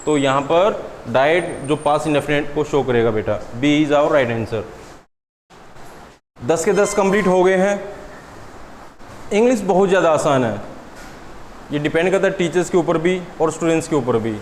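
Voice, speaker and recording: A man teaching an exam-prep lesson in a classroom. He asks his students questions and answers them himself, and he says words slowly and deliberately. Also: on the high side, expressive. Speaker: English teacher. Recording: echoey room with long reverb and faint noise.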